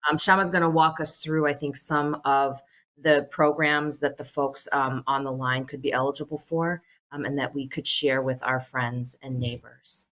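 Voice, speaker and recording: Woman, middle-aged, deep voice, agency leader, sincere, lots of ums. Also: steady tone, moderate pace, fairly bright tone. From United States. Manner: earnest, many "um" fillers. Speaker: social services agency leader. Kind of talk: prepared remarks on a telephone town hall.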